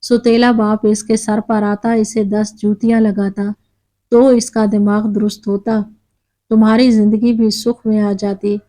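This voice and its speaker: A woman's voice: mid-range voice, level tone, mellow, close to an everyday voice, rough recording. A woman voicing an outspoken female neighbour who lectures bluntly. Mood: lecturing.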